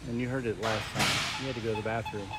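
A man's voice: fairly low pitch, fairly even intonation, fast talker, heavy background noise. A breathless man in a gym giving teasing, offhand commentary while filming his son. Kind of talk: casual chat filming family.

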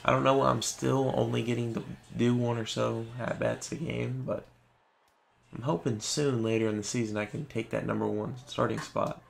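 A tired man hosting his gaming channel, talking casually in a low-key monotone over gameplay late at night and now and then tripping over his words. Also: moderate pace, gravelly.

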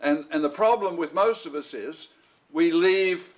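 A middle-aged man teaching an informal Bible lesson. He talks in a rambling, conversational way, often restarting his sentences and clearing his throat. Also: on the high side, unhurried, lo-fi sound.

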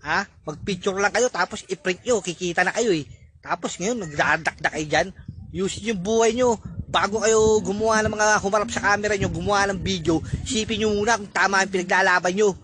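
A man's voice: high-pitched, a little fast, a bit bright. A man ranting angrily at celebrities, scolding and tagging his lines with a demanding "ha?". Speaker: netizen ranting on video. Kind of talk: angry rant. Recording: background noise.

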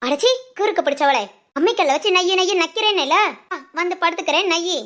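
A woman voicing a bossy, sharp-tongued village mother-in-law in a cartoon, scolding with curt retorts. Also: extremely high pitch, brisk. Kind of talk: cartoon voice acting.

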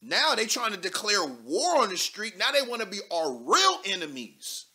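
A man in his thirties hosting a live political call-in show from a studio desk, talking loud and animated with casual slang and cursing. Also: sits high, normal speed. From United States. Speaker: talk show host.

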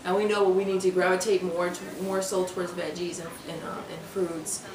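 A young fitness vlogger talks a little fast about meal prep in her home kitchen, her fairly low voice keeping a level tone. Her casual chat has lots of fillers and restarts. Crowd noise is audible, and the camera on the counter a few feet away gives roomy, distant, noisy audio.

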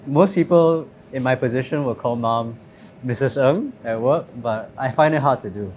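A man in his thirties speaking in a thoughtful, measured way with fillers, interviewed at a restaurant table. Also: mid-range voice, a little mellow, slight background noise. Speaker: company CEO. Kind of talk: interview conversation.

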